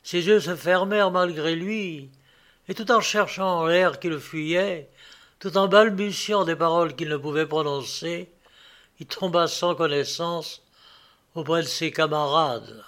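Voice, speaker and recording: A male narrator reads a classic tale at an unhurried, deliberate pace. His voice is somewhat higher than most men's and stays steady and measured throughout. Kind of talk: audiobook reading.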